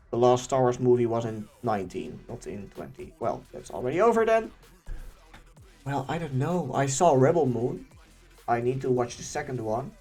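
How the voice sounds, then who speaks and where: Young Dutch-accented male YouTuber, chatty Q&A host, animated pitch, faint music underneath. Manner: chatty and animated, laughing often. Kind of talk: casual Q&A reading viewer questions.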